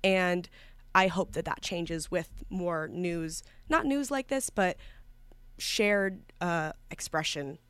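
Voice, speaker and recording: A woman's voice: on the low side, slow, smooth, no room sound. A young woman from New York, a student guest talking earnestly in a casual interview, with many fillers and restarts. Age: young adult.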